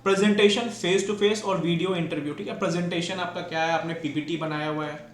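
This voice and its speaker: Man, teacher, exam-prep lecture, asks and answers his own questions, fairly high pitch, roomy echo. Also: steady tone, fairly quick. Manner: talks in Hindi-English mix, asks and answers own questions. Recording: echoey room with faint noise.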